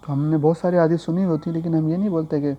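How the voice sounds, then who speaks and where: A man teaching Quran reading in a slow, patient spoken lesson, spelling out letters and repeating each rule. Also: a little high, steady tone, lo-fi sound.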